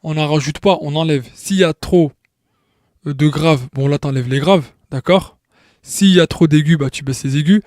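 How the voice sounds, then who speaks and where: Speaking at normal speed, this man has a slightly high, somewhat mellow voice, captured dry with clean studio sound. He walks the viewer through an informal tutorial step by step, often restarting, repeating words, and checking in.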